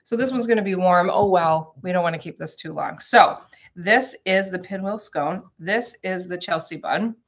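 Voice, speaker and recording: Woman, forties, lowish voice, chatty and rambling, live baking stream, home kitchen. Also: moderate pace. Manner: chatty, rambling, talks to viewers. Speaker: vlogger hosting a live cooking stream. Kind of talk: casual live-stream chat while baking. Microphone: camera on the counter.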